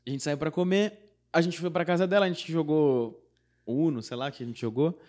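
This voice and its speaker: Speaking at a normal speed in a voice on the high side, this young Brazilian man is a singer-songwriter guest sharing a personal story casually. His Brazilian Portuguese accent comes with lively performances of what people said and plenty of fillers such as "tipo" and "não sei o quê".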